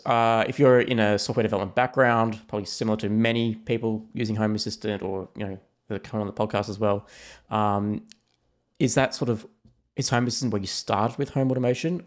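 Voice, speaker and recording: A man's voice: fairly low pitch, brisk. A man hosting a podcast, friendly and chatty. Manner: friendly, chatty, reads sponsor lines. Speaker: podcast host.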